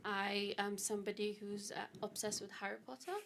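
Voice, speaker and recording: A woman's voice: mid-range voice, monotone, fairly quick, fairly bright tone, slight background noise. A woman from Britain speaking as a panelist on an online discussion, earnest and direct about her own experience. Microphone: video call.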